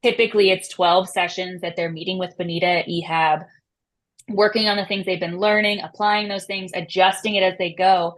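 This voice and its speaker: A woman's voice: on the low side, fairly even intonation, normal speed. A woman moderating a webinar, summarizing the steps in an orderly way and asking follow-up questions. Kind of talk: interview questions.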